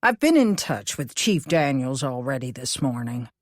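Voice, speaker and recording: Woman reading as a calm, cautious cozy mystery businessman. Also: a bass voice, moderate pace, no echo, exaggerated voice. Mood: matter-of-fact.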